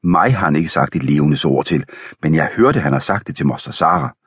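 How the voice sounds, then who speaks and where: A man voicing an excitable, theatrical middle-aged craftsman's wife in an audiobook. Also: rumbling low, husky, no room sound, clean studio sound, exaggerated voice. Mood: excited.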